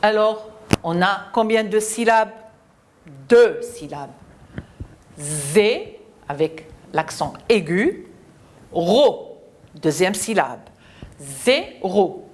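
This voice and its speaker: Woman teacher, children's phonics lesson, very animated pitch, careful syllable-by-syllable delivery. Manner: slow, deliberate, spelling out letters and syllables.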